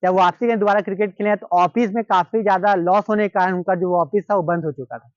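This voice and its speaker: Indian guy with a high voice telling a story casually, lots of repeating, dry dull lo-fi recording. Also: steady tone, fast, no room sound. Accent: Hindi-speaking Indian. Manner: repetitive, conversational retelling with quoted dialogue. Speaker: cricket storyteller.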